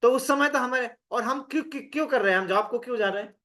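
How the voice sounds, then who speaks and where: A man with a notably high-pitched voice leads a scripture study group. He talks in a loose, conversational way. He keeps quizzing his listeners and repeats words for emphasis. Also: quick pace, bright, forceful tone. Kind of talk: interactive scripture class.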